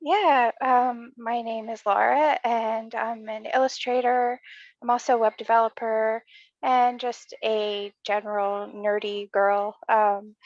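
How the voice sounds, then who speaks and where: Upbeat woman, flat higher voice. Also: no echo, muffled recording. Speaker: illustrator and web developer guest. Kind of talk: casual group voice chat.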